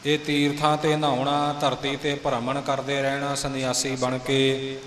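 A man's voice: mid-range voice, monotone, unhurried, fairly bright tone, slight background noise. A man teaching how to pronounce scripture correctly, mixing explanation with sung lines. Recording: echoey hall.

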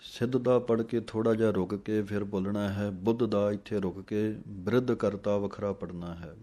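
A man teaching correct pronunciation of scripture. He chants the verses slowly, then explains the spelling in a quick, plain way. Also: on the low side, fairly even intonation, dark tone. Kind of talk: pronunciation lesson with slow chanted recitation.

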